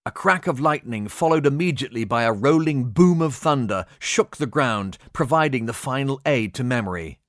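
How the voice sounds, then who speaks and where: A man narrating an adventure audiobook with expressive, dramatic storytelling, in a studio. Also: medium pitch, moderate pace, few pauses, no room sound.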